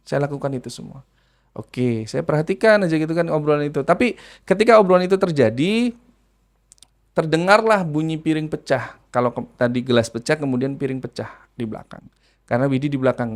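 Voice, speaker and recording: A man telling a true supernatural story in casual chat, animated and shifting between hushed and loud delivery. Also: mid-range voice. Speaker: storyteller recounting an exorcism. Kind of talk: conversational storytelling.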